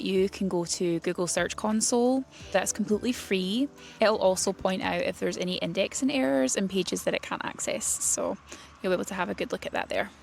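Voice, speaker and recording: A woman with a medium-pitched, creaky voice presents an informal instructional explainer. She is the presenter of a website tutorial series for writers and speaks in a plain, explanatory manner.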